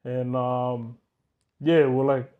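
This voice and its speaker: A young man hosts a casual podcast chat. His voice sits at a middle pitch. He rambles through his questions, padding them with ums, likes and yeahs. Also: little pitch movement, slow, narrow, tinny audio. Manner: rambling, filler-heavy questions. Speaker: host.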